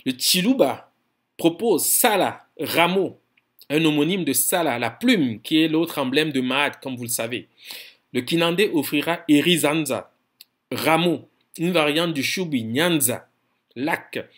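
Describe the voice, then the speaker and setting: A man giving a scholarly lecture in a firm, insistent tone. He often repeats words while searching for phrasing and slows down to spell out foreign terms. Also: a little high, expressive, a bit bright.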